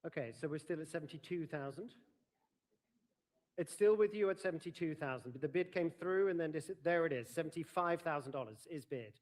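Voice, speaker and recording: A man's voice: on the high side, fairly quick, a little mellow. A man working as an auctioneer, formally and courteously announcing lots and calling out bids at a live sale.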